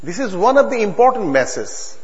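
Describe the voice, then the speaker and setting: A Bangladeshi man with a high-pitched, sing-song voice preaches a religious sermon to a congregation in a reverberant hall. He speaks non-native English in an earnest, halting, emphatic way, repeating phrases, and the recording sounds dull with long reverb.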